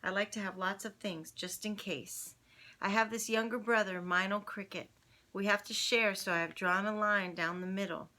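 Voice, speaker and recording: A woman reading a children's picture book aloud to kids online in a lively, chatty way, with friendly asides. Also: mid-range voice, moderate pace.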